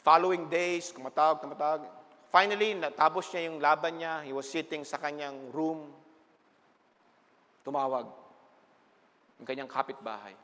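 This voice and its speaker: Pastor preaching in a reverberant hall. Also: male voice, on the high side, moderate pace, pauses often. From Philippines. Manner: mixes English and Tagalog, animated storytelling. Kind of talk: sermon. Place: church sanctuary.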